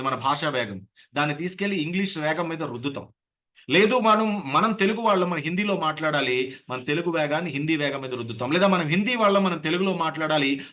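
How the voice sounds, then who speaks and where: A man with a Godavari Telugu accent giving an animated lecture on voice modulation as a public speaking trainer over a video call. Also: a little high. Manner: animated, slips into acted voices.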